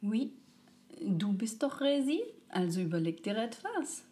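A woman's voice: fairly high pitch, lively intonation, a little slow, dark tone, pitched above the performer's own voice. A woman voicing a small, curious, childlike soul who pleads and wonders, with French exclamations. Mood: wistful. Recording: roomy echo.

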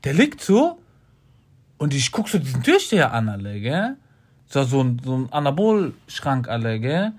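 A man in casual chat, telling an animated story full of street-slang fillers. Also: medium pitch, moderate pace.

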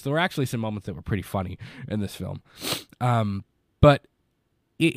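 A young podcast host, his voice congested and stuffed-up, reviews movies casually on a live show from his basement, rambling and repeating himself. He speaks at a medium pitch, in studio quality with no echo.

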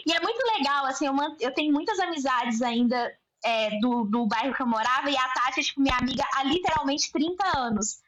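A woman's voice: high voice, brisk, lo-fi sound. A woman, a podcast guest chatting casually and acting out the people in her stories. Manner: animated storyteller acting out quoted dialogue. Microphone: remote recording at home.

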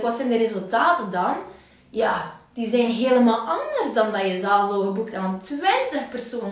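A woman with a Flemish accent giving an energetic motivational livestream talk, acting out inner voices. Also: a little high. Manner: energetic, acts out inner voices, laughs often. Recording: very echoey room, mic at a distance.

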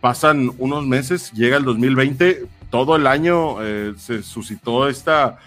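A man's voice: mid-range voice, unhurried, a bit bright. Mexican man chatting casually over music. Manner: slangy. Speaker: podcast host. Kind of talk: casual chat.

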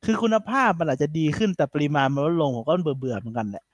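A man hosting a casual podcast chat, retelling things in an animated way with lots of fillers. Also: mid-range voice, fast talker, dry recording, studio quality. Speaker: podcast host.

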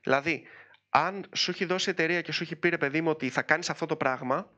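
A man hosting a podcast in casual chat, talking in a chatty, animated way with frequent fillers. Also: a little high, dull audio. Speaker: podcast host.

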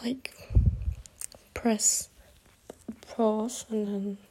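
A young woman with a hoarse, sick voice, hosting her own podcast in a rambling, half-whispered chat. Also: mid-range voice, steady tone, very slow, warm tone. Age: young adult. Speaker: podcast host. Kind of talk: casual solo podcast chat.

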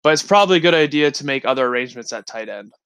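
A man co-hosting a fantasy football show, reading injury news in a steady, matter-of-fact way. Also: medium pitch, very fast, clean tone. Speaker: fantasy football podcast co-host. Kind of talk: casual sports news rundown.

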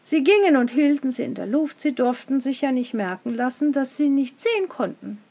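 A woman reading a fairy tale aloud in an expressive storytelling manner. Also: sits high, normal speed.

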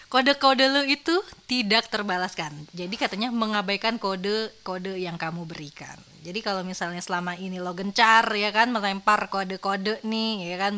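A woman's voice: mid-range voice, pushed and bright. A woman co-hosting a podcast, chatting casually in slang and laughing often. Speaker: podcast co-host. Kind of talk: casual chat.

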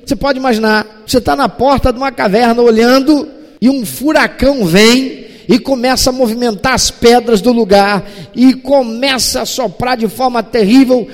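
High-voiced dramatic male preacher. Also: in a large hall. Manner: dramatic, animated, acts out scenes. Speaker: pastor. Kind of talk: sermon. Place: church.

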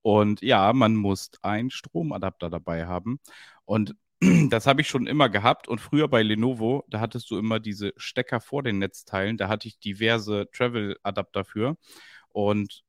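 A man co-hosting a podcast in relaxed, knowledgeable casual chat with a slangy turn of phrase. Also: lowish voice, moderate pace, no room sound, clean studio sound. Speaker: podcast co-host.

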